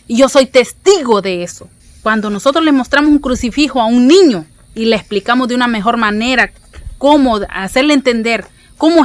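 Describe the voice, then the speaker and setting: Woman, fairly high voice, earnest religious teacher who restarts and repeats phrases.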